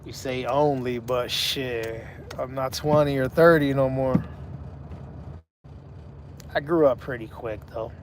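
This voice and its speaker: A man's voice: mid-range voice, slow pace, pauses often, background noise. A man in his forties, chatting casually on a livestream and talking to his viewers by name. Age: 40s. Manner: laid-back, talks to chat viewers by name. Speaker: livestream host. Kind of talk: casual live chat.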